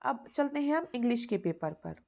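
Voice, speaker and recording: A woman's voice: on the high side, big pitch swings, moderate pace, darkish tone. Patient woman teacher walking kids through answers. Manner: patient, repeats answers and calls the listener "beta". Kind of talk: explaining exam answers to young children.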